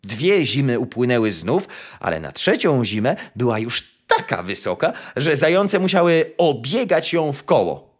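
Male storyteller, fairy tale reading, very lively melodic voice, mid pitch. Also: moderate pace, slightly rough. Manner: expressive, sing-song storytelling. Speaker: narrator.

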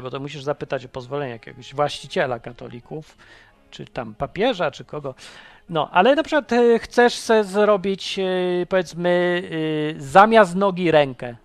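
A man with a high voice rants sarcastically on a livestream and mocks whatever comes up. His voice sits close and dry on the mic. Faint music plays underneath. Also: no room sound. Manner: sarcastic, mocking, acts out voices. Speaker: livestream host taking calls. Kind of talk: casual ranting chat.

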